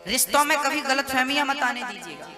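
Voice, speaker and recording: A man's voice: extremely high pitch, brisk. A man giving a folksy devotional sermon to a gathering, asking rhetorical questions and singing short couplets. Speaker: preacher. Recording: music behind the voice.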